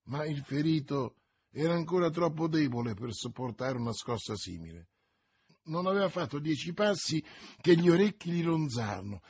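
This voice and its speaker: A man narrating a novel as an audiobook, measured and expressive, with a husky voice. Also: on the high side.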